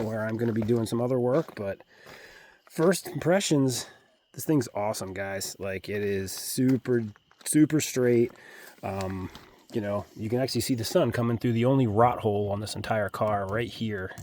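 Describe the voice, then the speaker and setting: Hosting a car vlog, a man chats casually and folksily with his viewers on a handheld camera, mostly outdoors around vehicles, a parking lot and his property. His voice is lowish and a little mellow. Vehicle sounds make the outdoor recording noisy.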